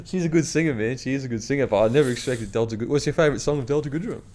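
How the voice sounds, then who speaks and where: A man's voice: mid-range voice, rapid-fire, a little mellow, slight background noise. A man with an Australian accent hosting a casual chat, matey and slangy, often saying bro and man. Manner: matey, slangy, peppered with 'bro' and 'man'. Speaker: podcast host.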